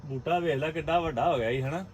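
A man's voice: on the high side, fast, recorded from a distance, slight background noise, natural voice. An actor with a Punjabi accent playing an easygoing husband who humors his bossy wife. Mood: casual. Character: mild, teasing husband of the elder sister.

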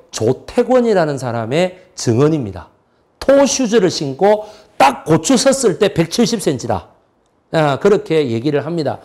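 A middle-aged man giving a history lecture, who keeps asking rhetorical questions and answering them himself. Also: a little high. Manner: lively, asks and answers his own questions.

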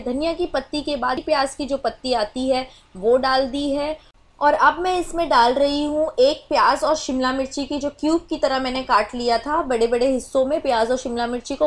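A woman explaining a recipe step by step in a voice-over cooking tutorial, with many small filler phrases. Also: high-pitched. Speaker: cooking channel host.

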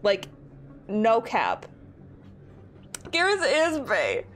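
Young woman streamer on a headset, giggly and chatty, voice jumps all over high. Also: huge pitch swings, very slow, a bit bright, a little hiss or hum. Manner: giggly, bubbly, self-deprecating. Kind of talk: casual live-stream chat while gaming. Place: home apartment.

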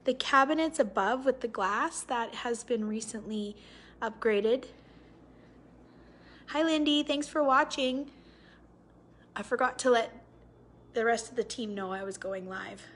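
A woman's voice: on the high side, a bit bright, a little hiss or hum. A woman, a real estate agent giving a live virtual tour, walking through a house and talking upbeat and admiring into a handheld phone. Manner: upbeat, admiring, slow and deliberate. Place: large house indoors, walking room to room. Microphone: phone held at arm's length.

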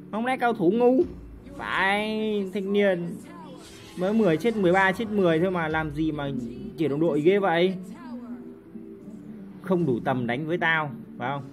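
A man doing lively, teasing commentary over his own gameplay, with mouth sound effects and sudden shouts. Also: high-pitched. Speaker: gaming YouTuber. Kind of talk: live game commentary.

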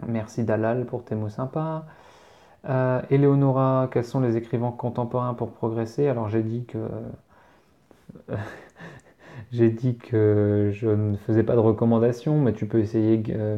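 A man's voice: mid-range voice, muffled recording. A man teaching French, reading out viewer questions and answering them casually, spelling words out letter by letter. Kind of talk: casual live Q&A.

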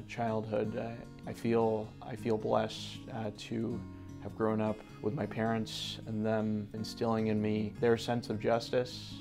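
A young environmental justice organizer from Connecticut answers questions in a sit-down interview in an office gallery room. He's earnest but restarts often and uses lots of fillers. His voice is on the low side and gravelly.

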